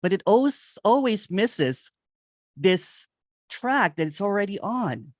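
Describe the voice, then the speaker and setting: A man giving a meditative spiritual reflection on nonduality, repeating phrases and chuckling softly now and then. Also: high voice, very animated, slow, no echo, clean studio sound. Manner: meditative, repetitive, with soft chuckles. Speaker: nonduality speaker. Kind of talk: slow spoken spiritual reflection.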